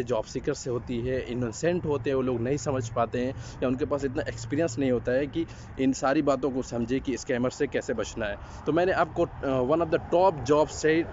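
A man's voice: mid-range voice, a little mellow, muffled recording, slight background noise. A young man talking to camera in a casual vlog from an outdoor parking lot at night, often hesitating with fillers and restarts. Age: young adult. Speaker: vlogger. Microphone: phone camera, then selfie at arm's length.

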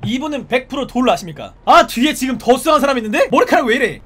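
A man giving playful, animated live commentary while streaming a police game, often shouting commands at the game's characters. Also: very high voice, quick pace, breathy edge.

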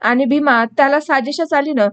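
A woman's voice: sits high, normal speed, highs cut off. A woman reading a novel aloud as an audiobook, switching into rustic village speech for the characters' dialogue. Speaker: audiobook narrator.

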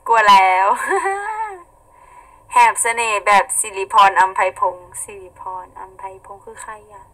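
A young woman with a husky voice, chatting casually on a live stream, reading out viewer comments and laughing often. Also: on the high side, big pitch swings, slow, pushed and bright, poor audio. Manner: chatty, giggly, playful. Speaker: idol singer on a live stream.

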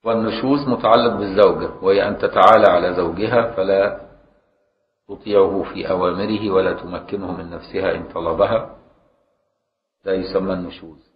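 An Egyptian man with a very low voice lectures on a classical law text as a religious scholar. He mixes formal recitation with colloquial explanation and poses rhetorical questions to his students. The recording is roomy and dull, like an old lecture tape. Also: steady tone, a little fast. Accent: Egyptian Arabic. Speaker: religious scholar teaching a book.

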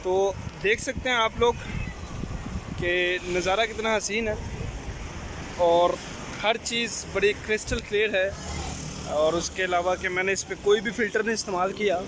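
A young Pakistani man holds his phone at arm's length outdoors, by a road and along a hill trail, filming a selfie travel vlog. As a travel vlogger and tour organizer, he chats to viewers in a promotional way, his high voice steady and measured, with long pauses. The phone recording is noisy.

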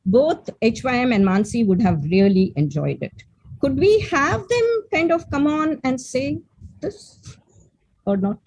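A woman's voice: high voice, big pitch swings, measured pace, darkish tone, no room sound, low-quality recording. An older woman with an Indian accent, moderating informally on a video call. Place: indoor room, on a video call. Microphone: computer mic on video call.

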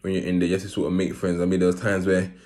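Racing through his words in a low, dark, totally flat voice, a London vlogger recounts personal stories to camera. His delivery is casual roadman street slang, and he keeps repeating phrases to drive points home.

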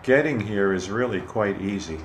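A man narrating a casual walking tour in a measured, informative way, speaking from behind a handheld camera outdoors on a city pier. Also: lowish voice, expressive. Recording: camera audio with clear outdoor noise.

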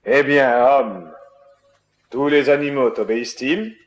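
A man's voice: medium pitch, unhurried, lightly acted. A man playing the solemn eldest magician. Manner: solemn, ceremonial questioning. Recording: roomy echo, background music.

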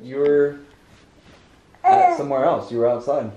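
A man's voice: mid-range voice, huge pitch swings, a little slow. A man and father chatting casually and teasing his family on a home vlog. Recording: roomy home video with loud background noise.

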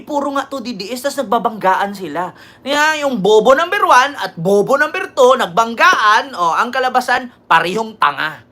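Commentary host, woman, high sharp voice, sneering tone, keeps turning to the audience for agreement. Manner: mocking, keeps asking "di ba?". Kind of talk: political reaction commentary.

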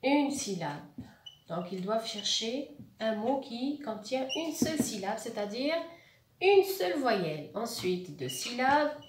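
A woman teacher explaining reading exercises to other teachers, sounding out words slowly syllable by syllable. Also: on the high side, very animated, recorded from a distance. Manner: slow, syllable-by-syllable demonstration. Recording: echoey room with faint noise.

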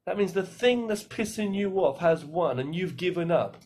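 A man's voice: high-pitched, lively intonation, normal speed, a little mellow, breathy edge. A man giving a blunt monologue to camera, swearing heavily and firing rhetorical questions at the listener. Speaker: vlogger.

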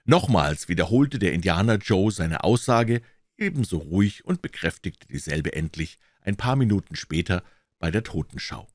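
A man reading a classic novel aloud as scripted narration, with expressive, dramatic storytelling. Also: sits low, normal speed, no echo, clean studio sound. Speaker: audiobook reader.

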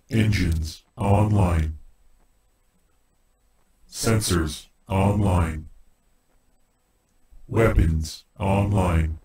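A very deep robot. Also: male voice, echoey room, distant mic. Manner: flat clipped status reports. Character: deep-voiced robot, also garbled reversed alien. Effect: robot filter, pitched very low.

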